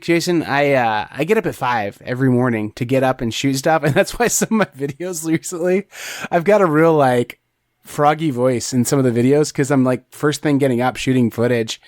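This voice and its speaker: This medium-pitched man co-hosts a board game podcast, wandering through casual chat with lots of fillers and false starts. The sound is dry and studio clean.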